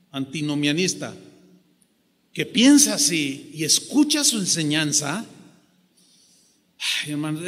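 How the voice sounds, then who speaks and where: A man with a Mexican Spanish accent preaching a sermon as pastor, animated, acting out the voices he quotes. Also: sits high, big-room sound.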